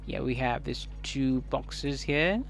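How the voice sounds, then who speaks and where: A man with a Kenyan East African accent giving casual unboxing commentary as a tech reviewer, haltingly thinking aloud. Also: mid-range voice, vocal fry, slight background noise. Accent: Kenyan English. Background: music.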